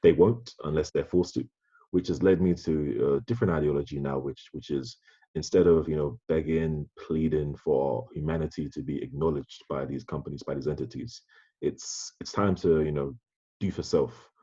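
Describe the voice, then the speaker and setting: A man's voice: a bass voice, normal speed, warm tone, slightly rough, dull audio. A man hosting a podcast, talking in a thoughtful way and often restarting his sentences. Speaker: podcast host. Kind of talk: conversational podcast discussion.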